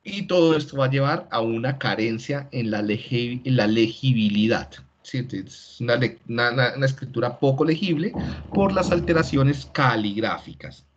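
A man's voice: mid-range voice, normal speed, slightly rough. A man giving an online class lecture and explaining step by step, often checking in with "¿sí?". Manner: explanatory, tags many lines with "¿sí?". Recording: dull lo-fi video call audio.

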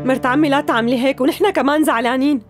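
An actress playing a caring, anxious young sister with a Syrian accent, pleading and placating in a dubbed TV drama. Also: female voice, high-pitched, rapid-fire, over music, close to an everyday voice. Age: young adult.

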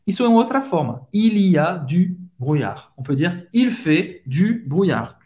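Slow-talking man teaching a language lesson. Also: high-pitched, very animated, dark tone. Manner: slow, repeats phrases for drilling. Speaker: French teacher.

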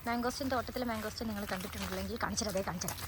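A woman's voice: mid-range voice, racing. A young woman chatting casually as a vlogger, teasing and talkative. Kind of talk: casual vlog narration. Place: outdoors and at home. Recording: noisy outdoor phone recording.

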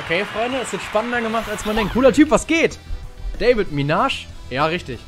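A young man streaming and commentating a tennis video game for his chat in a casual, jokey way, with sudden excited shouts. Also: high voice, brisk, over music.

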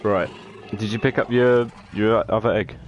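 Low-voiced lad gaming. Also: male voice, normal speed, lo-fi sound, slight background noise. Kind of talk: casual chat while gaming.

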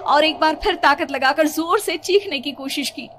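A woman's voice: sits high, moderate pace, heavy background noise. A woman narrating a horror story in the first person, in a dramatic, suspenseful way. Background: background music.

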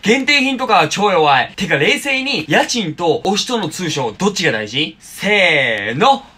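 A man in his twenties does a casual, comic Q&A in upbeat gyaru slang. His voice is bright and forceful, swinging widely in pitch. The delivery is flippant and exaggerated. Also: big pitch swings, a little slow, breathy edge. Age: 20s. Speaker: vlogger answering viewer questions. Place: small room at home. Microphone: phone at about arm's length.

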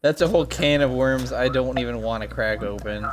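A male game streamer rambles in casual chat, swearing freely and poking fun at himself. His pitch sits in an ordinary middle range. A steady hiss of background noise runs under the recording. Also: a little fast. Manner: profane, rambling, self-mocking.

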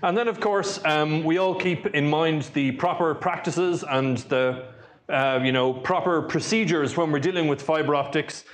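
A man's voice: a little high, normal speed. A man with an Irish accent giving a lightning talk at a tech meetup, telling stories in a dry, joking way. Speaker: conference speaker.

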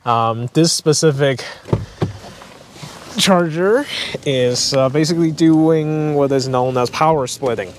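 On the high side and slow-paced, a man casually narrates an electric car road trip vlog, explaining things with lots of ums and uhs. It was recorded in a car and outdoors in a parking lot, with noisy outdoor vehicle ambience in the background.

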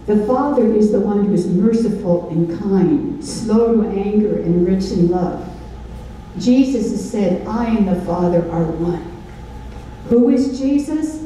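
An older woman preaches a Bible study from a stage lectern, pausing to throw questions at her listeners. Her voice is very dark and mellow, and she speaks slowly and deliberately. She sounds distant in a large, echoey hall with faint ambience behind her. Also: mid-range voice, a little hiss or hum. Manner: call-and-response questions, emphatic. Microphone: handheld mic.

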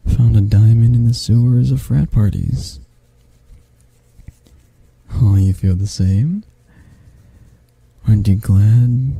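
A roleplay voice actor, a man, portrays a tall, affectionate, flirty half-dragon in an intimate ASMR roleplay. He speaks gently and haltingly in a low, husky, gravelly, exaggerated voice, recorded with no echo.

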